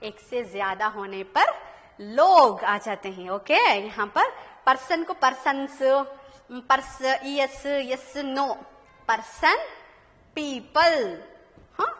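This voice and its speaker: A woman's voice: high voice, lively intonation, slow, a bit bright, in a large hall. A woman with an Indian accent teaching English plurals to children, mixing Hindi-Urdu and English, spelling out words letter by letter and asking questions as she goes. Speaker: primary school English teacher.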